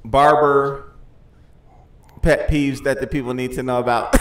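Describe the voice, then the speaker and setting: A man's voice: medium pitch, fairly even intonation, measured pace, reverberant. A middle-aged man hosting a podcast, joking and laughing in casual banter. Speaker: podcast host. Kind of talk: casual chat. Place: studio room with large headset-style mic. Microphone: close boom mic.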